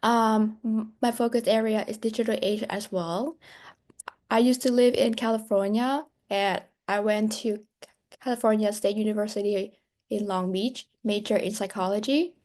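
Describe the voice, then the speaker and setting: A woman's voice: mid-range voice, steady tone, moderate pace. Hesitant woman from Vietnam. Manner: gentle, hesitant, with fillers. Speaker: graduate student panelist. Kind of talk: self-introduction on a webinar panel. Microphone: video call.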